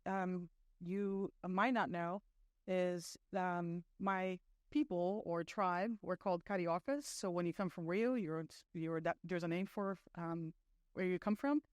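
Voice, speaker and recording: Speaking at a measured pace in a fairly low voice, this Brazilian woman in middle age delivers a conversational conference presentation. She leans on fillers and pokes fun at herself, and the studio audio is clean with no room sound.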